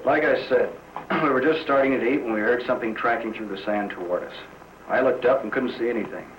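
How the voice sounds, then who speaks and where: A man's voice: medium pitch, fairly quick, over music, close to an everyday voice. An actor playing a defensive ordinary guy telling of a frightening encounter, colloquial, in old B-movie style. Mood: defensive, rattled. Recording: muffled, echoey old film soundtrack, faint noise.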